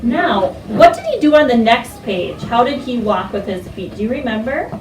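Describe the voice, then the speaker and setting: Her pitch swinging widely from a slightly high base, a teacher reads aloud to small children at a normal speed. She keeps them engaged with easy directions and plenty of questions and prompts. It's recorded from afar in an echoey, noisy carpeted classroom.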